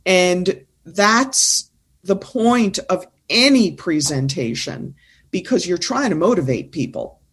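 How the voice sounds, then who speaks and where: A woman's voice: lowish voice, lively intonation, takes it slowly, slightly rough. A woman who coaches presentation skills, talking as a guest in an interview and making her points firmly and insistently. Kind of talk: casual interview conversation.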